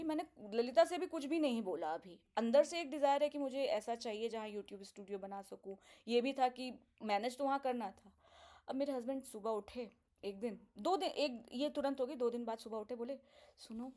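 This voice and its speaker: Middle-aged woman host, mellow and slightly high, chatty storyteller who acts out the dialogue. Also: brisk. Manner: mixes Hindi and English, acts out quoted dialogue. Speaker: spiritual teacher and video host. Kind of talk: casual storytelling.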